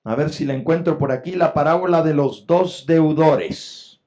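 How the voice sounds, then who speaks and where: A man preaching a sermon as pastor, swelling with emphasis and rising loud on key points. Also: a little high, moderate pace.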